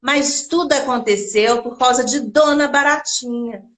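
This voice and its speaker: Animated woman storyteller, echoey room. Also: sits high, measured pace. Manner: animated, addresses the audience directly. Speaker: storyteller and teacher. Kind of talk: live children's storytelling.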